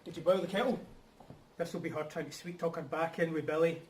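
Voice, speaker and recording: Guy playing nervy husband in a play reading, high voice, excitable, echoey room. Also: quick pace, close to an everyday voice. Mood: scheming, flustered. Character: meddling, sheepish husband, nervy and self-justifying. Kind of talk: rehearsed stage reading of a drama. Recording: roomy, distant mic, background noise.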